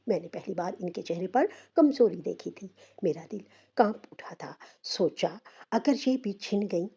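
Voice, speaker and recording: A woman's voice: mid-range voice, lively intonation, moderate pace, vocal fry, mellow, husky, dull audio. A woman narrating an emotional, sad first-person story in a heartfelt way.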